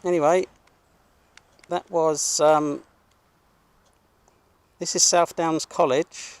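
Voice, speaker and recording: A British independent videographer narrates to his camera outdoors in a college car park, chatting casually in a blunt, self-assured way. His voice is a little high with little pitch movement, and he speaks very slowly and smoothly. The recording is dry.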